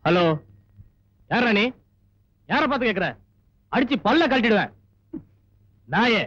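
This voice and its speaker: An actor playing an angry senior police officer who shouts insults and threats over the phone. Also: male voice, extremely high pitch, animated, quick pace, no echo, exaggerated voice. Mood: furious. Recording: dull lo-fi film audio, dry.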